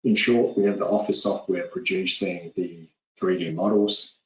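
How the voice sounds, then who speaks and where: A New Zealand man in his forties gives a steady, businesslike webinar presentation over a call, often saying "uh." His voice is low and his pace normal. The audio is lo-fi, dull, distant and echoey.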